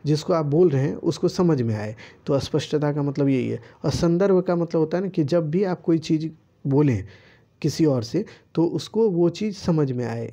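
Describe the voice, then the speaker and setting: A man's voice: on the high side, dark tone. Man patiently talking through quiz answers. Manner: patient, repetitive explaining with rhetorical questions. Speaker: teacher. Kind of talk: explaining quiz answers to students.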